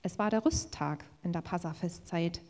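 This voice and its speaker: Mellow-voiced woman reading scripture. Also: fairly low pitch, normal speed. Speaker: scripture reader. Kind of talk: Bible reading aloud. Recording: long hall reverb.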